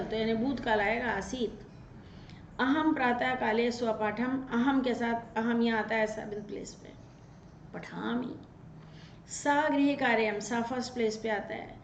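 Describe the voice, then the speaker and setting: A woman teaching a Sanskrit grammar lesson, reciting verb forms in quick drills and coaching her students. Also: a little high. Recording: roomy, dull lo-fi sound with faint noise.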